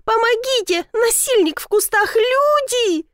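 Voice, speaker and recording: A woman voicing an indignant, quick-tempered young woman in an audiobook, shrieking her outraged outbursts. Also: sits high, big pitch swings, dry recording, clean studio sound, voice pushed up. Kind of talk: audiobook character voice.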